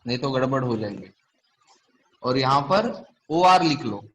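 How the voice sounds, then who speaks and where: A man with a medium-pitched, expressive voice teaches chemistry at an unhurried pace, explaining step by step and regularly asking the class questions in this classroom lecture. The audio is poor.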